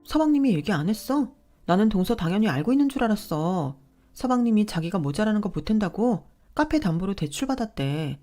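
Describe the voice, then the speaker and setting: A woman's voice: medium pitch, very animated, brisk, dark tone, voice pushed up, natural voice. A woman voicing a chatty, gossipy middle-aged sister-in-law. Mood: surprised. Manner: casual, gossipy, surprised.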